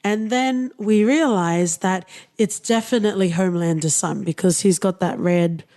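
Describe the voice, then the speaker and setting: A woman hosting a relaxed podcast and talking through a TV series at length. Her voice sits at a medium pitch, and she comes across as opinionated and playfully teasing toward her co-host. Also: normal speed. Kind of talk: casual TV review chat.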